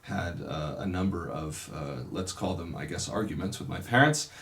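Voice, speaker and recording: A Dominican priest from California tells his life story in a casual interview, speaking in a deep, slightly bright voice. He is reflective and unhurried, pausing often and restarting his sentences.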